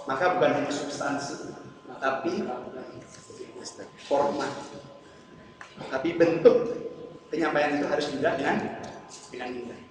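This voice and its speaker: A man's voice: a little high, a little slow, pauses often. A man giving a religious lecture to an audience, teaching in a didactic way and often checking that listeners follow. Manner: didactic, keeps checking with the audience by asking "ya kan?". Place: large lecture hall at a congress. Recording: very echoey hall from far off, faint noise.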